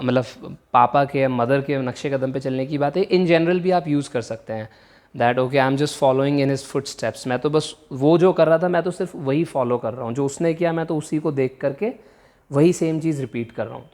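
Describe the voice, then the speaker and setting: A man's voice: a little high, a little mellow. A man teaching vocabulary, explaining patiently and repeating each word carefully. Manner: explains slowly, repeats words carefully, switches between Hindi and English. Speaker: English teacher. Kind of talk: bilingual vocabulary lesson.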